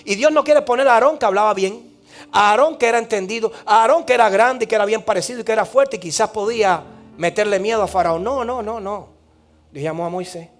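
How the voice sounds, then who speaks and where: A male pastor preaching a sermon, emphatic and repetitive, moving from loud declarations to hushed lines. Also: high-pitched, quick pace, soft background music.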